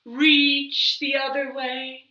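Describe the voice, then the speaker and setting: In a home living room with a roomy echo, a woman hosts a children's storytime, reading aloud and speaking expressively and simply to young kids. Her voice is high and sharp yet monotone, her pace slow, and the sound lo-fi. She's a library storytime host.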